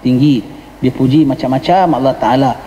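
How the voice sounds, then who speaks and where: A religious teacher with a Johor Malay accent gives a mosque hall lecture on a religious text, his medium-pitched, warm voice at normal speed. He explains patiently, mixes in English words, and asks listeners "ha?", with dull audio, a little hiss or hum, and long hall reverb.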